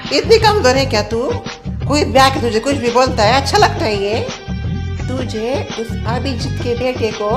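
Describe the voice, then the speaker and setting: A man playing a sly woman who quietly plots to stir up a neighborhood feud in a comedy sketch. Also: heavily acted. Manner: low, conspiratorial, drawn-out plotting. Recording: echoey room, faint music.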